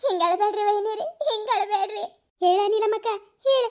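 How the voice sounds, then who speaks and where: A woman with a North Karnataka Kannada accent voices village women in a cartoon comedy. Her voice sits very high, and she swings between chiding and wailing. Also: fairly quick. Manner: plays several village women, scolding and wailing. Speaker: voice artist for village cartoon characters.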